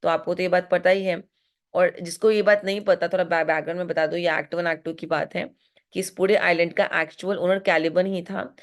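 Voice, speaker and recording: An Indian woman teaching literature, mixing Hindi and English as she goes through a play line by line and slowing to read the quoted lines aloud. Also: on the low side, steady tone. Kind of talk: line-by-line text explanation.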